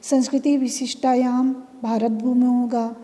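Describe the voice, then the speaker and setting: A patient woman teacher with a fairly high, mellow voice walks through exercise answers step by step, repeating key words as she goes. The recording carries a long reverb. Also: level tone, a little slow. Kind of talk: classroom lesson explaining exercise answers. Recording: long reverb, room echo.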